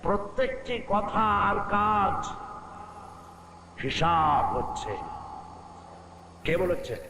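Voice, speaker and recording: Male preacher, high voice, unhurried sermon delivery, echoey noisy recording of a large gathering. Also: expressive. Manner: rhetorical questions to the crowd, chants Quran verses. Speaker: Islamic preacher. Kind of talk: Bengali waz sermon.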